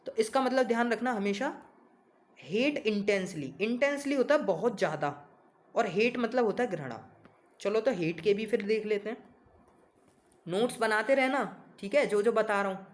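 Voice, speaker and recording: A man's voice: sits high, lively intonation, normal speed. A man teaching English vocabulary in a casual coaching lesson, talking informally to his students and spelling words out letter by letter.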